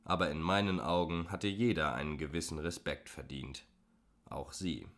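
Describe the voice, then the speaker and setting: A man reading a first-person novel aloud in a measured storytelling voice. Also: extremely low pitch, fairly even intonation, fairly bright tone. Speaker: audiobook narrator. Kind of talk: scripted first-person narration.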